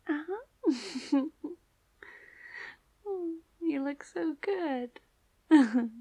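A young woman speaking in an intimate audio roleplay, breathy and soft, often sinking to a whisper close to the mic. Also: high voice, no room sound.

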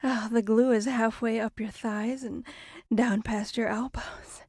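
A woman voicing a female shapeshifting monster in an erotic audio role-play, breathy and halting, with sighs and drawn-out words. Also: fairly high pitch, steady tone, darkish tone, no room sound, studio quality. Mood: teasing, predatory. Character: predatory female shapeshifting monster, seductive captor turned panicked prey.

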